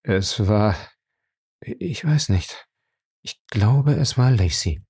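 A frightened man in a tight spot , voiced by the audiobook's reader, speaks low and subdued. His husky, gravelly tone stays hushed and halting. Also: animated, no echo, clean studio sound, exaggerated voice. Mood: shaken. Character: frightened man trapped in a cellar.

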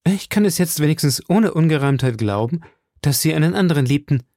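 A man voicing an eager, infatuated young swordsman who speaks in a flattering, fervent way. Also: on the high side, brisk, dry recording, studio quality, voice pushed up.

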